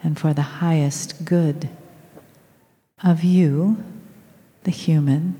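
Reverberant hall, woman, mellow soft voice, guided meditation, extremely slow, long soothing pauses. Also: deep voice. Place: large room with people present.

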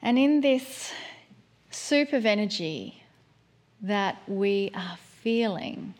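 A woman leading a guided meditation in a soft, soothing manner, with long pauses between gentle phrases. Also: medium pitch, lively intonation.

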